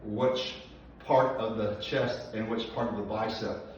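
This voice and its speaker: A man's voice: fairly low pitch, steady tone, a little slow, a little mellow, slight background noise. A man in his forties talking casually between workout sets, out of breath and enunciating carefully with many fillers. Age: 40s. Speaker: personal trainer. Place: gym, indoors. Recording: echoey, distant, dull gym recording.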